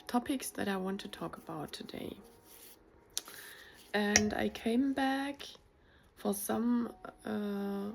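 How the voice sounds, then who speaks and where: A woman's voice: mid-range voice, creaky, slight background noise. A woman with a German accent talking casually to her viewers in a vlog, hesitant, with many fillers and restarts. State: recovering from surgery. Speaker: YouTuber.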